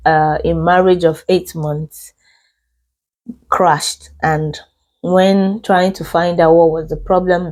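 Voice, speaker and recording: A Nigerian woman speaks in a fairly low, soft-edged, mellow voice that sounds congested and unwell. She gives casual relationship advice as a host, stressing points by repeating phrases and putting questions to the listener. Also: low-quality recording.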